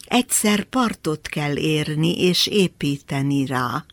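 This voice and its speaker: Gravelly voice reading a poem slowly. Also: medium pitch, lively intonation, dry recording. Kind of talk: poetry recitation on radio. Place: radio studio.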